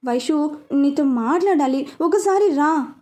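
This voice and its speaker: A gentle older sister in a storybook, as a woman puts her on, soft and coaxing, with a high voice. She sounds anxious and caring. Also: lively intonation, unhurried.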